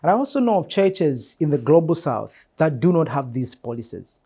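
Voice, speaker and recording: A man with a Zambian accent, speaking as a church mission secretary, gives earnest interview answers in a measured, emphatic way, repeating phrases to stress his points. His voice sits on the high side and sounds husky and dark, and he is very animated.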